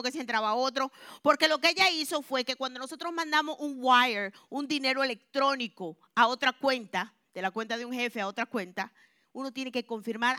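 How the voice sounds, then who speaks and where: A woman giving a religious testimony to a congregation, telling her story expressively and moving between hushed and loud. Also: sits high, no room sound, studio quality. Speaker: church member giving a testimony.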